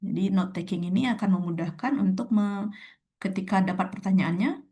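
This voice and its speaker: A woman's voice: medium pitch, a little fast, warm tone. Chatty young woman teaching online. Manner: chatty, laughs often, many fillers. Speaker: speaker at an online sharing session. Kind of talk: online webinar lesson.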